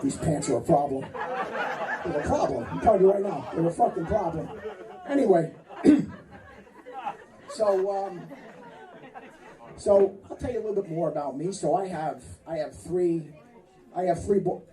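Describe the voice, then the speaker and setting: A man in his fifties working a comedy club stage with a rambling, profane stand-up routine. His pitch swings up and down a lot, and he trades jabs with hecklers. He sounds set back from the mic, with loud crowd laughter around him. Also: lively intonation, a little slow, pauses often, roomy sound, far from the mic. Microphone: handheld stage mic.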